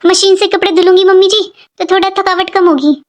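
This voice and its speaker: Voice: very high voice, steady tone, quick pace. Someone voicing a plaintive young cartoon daughter-in-law. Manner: plaintive, pleading. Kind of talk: animated cartoon voice acting.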